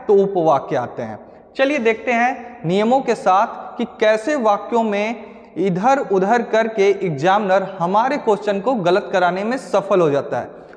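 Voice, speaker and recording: A man's voice: high-pitched, big-room sound. A man teaching an exam-prep grammar lesson, explaining step by step with worked examples and speaking to viewers as friends.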